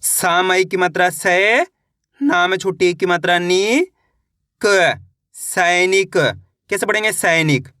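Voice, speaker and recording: A man with a high, bright voice teaches beginners to read Hindi. He sounds out each word syllable by syllable with patient repetition. His voice is dry and close to the mic. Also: no room sound. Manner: patient, repeats each word slowly syllable by syllable, then speeds up for explanations. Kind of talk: spelling out and reading Hindi words for learners.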